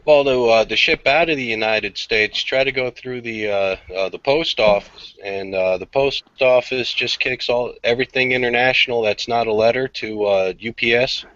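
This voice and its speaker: A man's voice: medium pitch, a bit bright, no room sound. Guy on a podcast, lots of uhs, kinda dull muffled sound. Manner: halting, lots of uh fillers. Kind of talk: casual chat.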